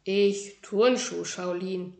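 A woman's voice: medium pitch, steady tone, vocal fry, a little mellow, reverberant. Woman putting on Meister Ming, a boastful tiny kung fu master. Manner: broken German, slow and emphatic.

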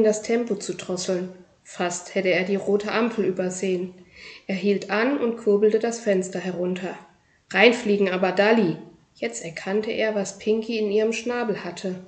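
A woman narrating a children's book in a lively, expressive storytelling manner. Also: mid-range voice. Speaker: audiobook reader. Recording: roomy echo.

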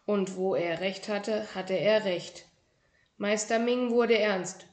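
A woman reading a children's book aloud in a calm, unhurried storytelling manner. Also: mid-range voice, roomy sound. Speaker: reader presenting library books.

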